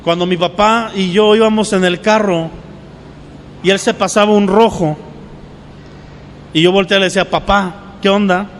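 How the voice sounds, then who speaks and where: Male pastor, sermon delivery, bright high register, reverberant hall with faint hiss. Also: fairly even intonation, normal speed, pauses often. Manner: preaching with call-and-response asides.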